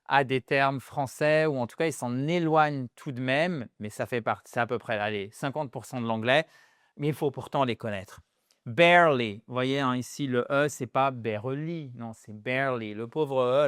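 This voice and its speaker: Male English tutor, playful and animated; smooth voice, dry close recording. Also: medium pitch, moderate pace, dry recording. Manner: animated, playful, shifts between French and English examples. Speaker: English teacher. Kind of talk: lively language lesson.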